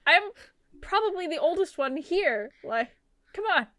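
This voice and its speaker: A woman's voice: extremely high pitch, measured pace, no room sound, clean studio sound. A woman in her late twenties co-hosting a casual podcast, telling stories with quoted asides. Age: 20s. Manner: animated storytelling with quoted asides. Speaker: podcast co-host. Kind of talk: casual chat.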